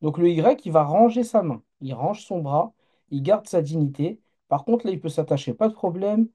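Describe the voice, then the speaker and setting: Very mellow-voiced man teaching a live class. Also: on the high side, animated, moderate pace, husky. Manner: patient, explains step by step, checks in with learners. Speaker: Arabic teacher.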